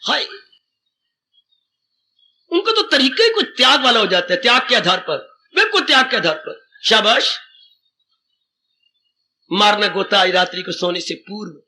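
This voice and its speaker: Older man, devotional sermon, very high voice, recites couplets, faint background hiss. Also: sing-song, moderate pace, sharp tone. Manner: repeats phrases for emphasis, recites couplets, calls listeners children. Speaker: spiritual teacher.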